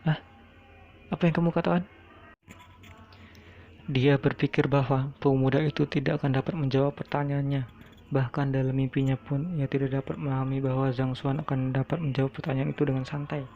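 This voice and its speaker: A man reading a translated novel aloud in a monotone, with small slips along the way. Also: mid-range voice, fairly quick, a little hiss or hum. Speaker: audiobook narrator. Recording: dull lo-fi recording.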